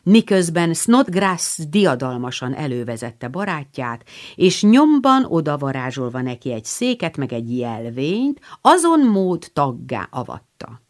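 Egy nő egy regényt olvas fel hangoskönyvként, kifejező mesélő stílusban. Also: female voice, deep voice. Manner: expressive, lively storytelling. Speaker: audiobook narrator. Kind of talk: scripted narration of a novel.

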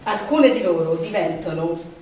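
A female stage performer gives a declamatory, theatrical narration about the wartime Resistance in a lowish, mellow voice with lively intonation, speaking a little slowly. The stage is echoey, the mic distant, and there is faint noise.

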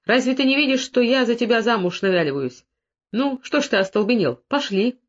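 A proud, sharp-tongued young village woman, as a reader puts her on. Her replies are short and mocking, heard on a dull, lo-fi recording. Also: mid-range voice, expressive, a little fast, voice pushed up, lightly acted. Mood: tense. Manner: curt, mocking. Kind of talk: audiobook dialogue reading.

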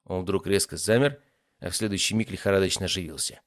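A man narrating a fantasy story in a calm, even storytelling manner. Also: low voice, fast talker, dry recording, clean studio sound. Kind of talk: audiobook narration.

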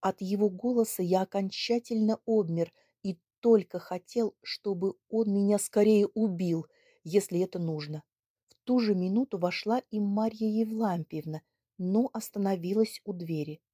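A woman reading a story aloud in first person, with steady, measured storytelling. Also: medium pitch, slightly rough, no room sound, studio quality. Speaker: audiobook reader. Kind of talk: scripted first-person narration.

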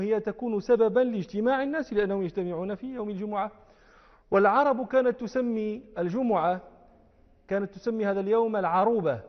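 A man with a high voice explains a classical text to his students, slowing down and repeating words to show their forms. The recording is dull and muffled. His voice rings on through the long reverb of a large hall. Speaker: religious teacher.

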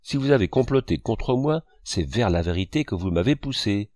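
A man's voice: fairly low pitch, lively intonation, moderate pace, darkish tone, no room sound, studio quality, lightly acted. A man reading the lines of a tormented, grandiose man who believes he is Christ, pouring out feverish pleas. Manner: pleading, feverish outpourings. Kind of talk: audiobook reading.

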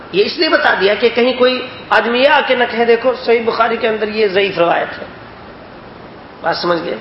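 A man teaching a religious lesson, explaining points and asking his listeners if they understood. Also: very high-pitched. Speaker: hadith teacher. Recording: echoey, dull lo-fi recording with faint noise.

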